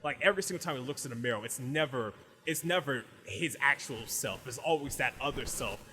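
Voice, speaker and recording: A man with a medium-pitched, sharp voice and lively intonation hosts a casual anime review podcast, talking a little fast. He rambles through a recap, dropping "like" into nearly every phrase and often restarting his sentences.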